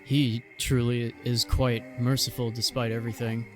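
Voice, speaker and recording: A man voicing an ominous, quietly menacing stranger as he reads video game dialogue aloud. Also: medium pitch, level tone, normal speed, soft background music, natural voice.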